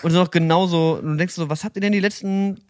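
Slangy man with a high voice. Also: steady tone, fast talker, no echo, clean studio sound. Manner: swearing, slangy banter. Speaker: podcast co-host. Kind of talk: casual podcast chat.

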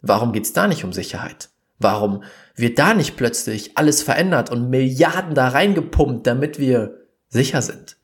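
Guy ranting earnestly into his cam, slows way down to make a point then gets worked up. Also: mid-range voice, expressive. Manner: earnest and emphatic, pausing for weight, bursts of exasperation. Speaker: vlogger. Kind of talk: impassioned monologue to camera.

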